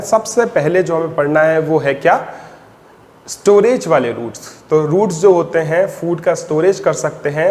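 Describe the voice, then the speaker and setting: A man teaching biology in a mix of Hindi and English, asking the class short questions and answering them himself, and slowing down to dictate definitions. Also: fairly high pitch. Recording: long reverb, faint background noise.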